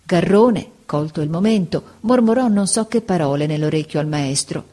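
A woman narrating a story aloud in an expressive, deliberate audiobook reading. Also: on the low side.

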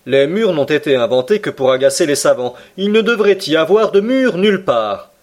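A polite, deferential manservant, read by a man, earnest and a little higher in voice. Spoken as part of a storybook reading. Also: lively intonation, normal speed, lightly acted. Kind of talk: audiobook character reading.

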